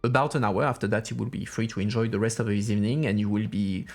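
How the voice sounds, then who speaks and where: A man's voice: fairly low pitch, fairly even intonation, fast, faint music behind. A man hosting an informal livestream interview, speaking hesitantly and often repeating his words as he goes. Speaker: host and interviewer of a political livestream.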